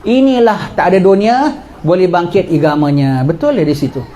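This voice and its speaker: A middle-aged man giving a religious lecture, telling history in a lively way and asking and answering his own questions. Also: high voice, moderate pace, slight background noise.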